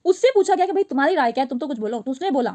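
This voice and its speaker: A woman teacher with a high, light voice walks her listeners through a story one line at a time. She reads each English phrase slowly and carefully. Then she explains it in quick, chatty Hindi, firing questions at her listeners. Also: animated, darkish tone.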